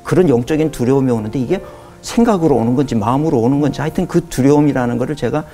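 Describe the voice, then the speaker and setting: A man's voice: medium pitch, very fast, warm tone, soft background music. A man in his fifties, a pastor telling his testimony on a talk show, earnest and storytelling, acting out the prayers he once said. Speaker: pastor, guest.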